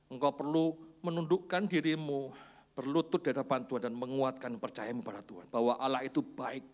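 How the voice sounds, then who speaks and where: A man in his forties preaching a church sermon, storytelling with chuckles and quiet asides. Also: medium pitch. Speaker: pastor.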